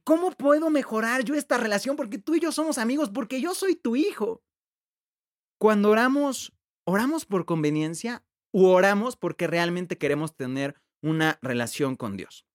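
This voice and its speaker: A man hosts a faith podcast, talking in a conversational way and retelling a story with quick asides and restarts. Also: high-pitched. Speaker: podcast host. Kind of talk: reflective faith podcast talk.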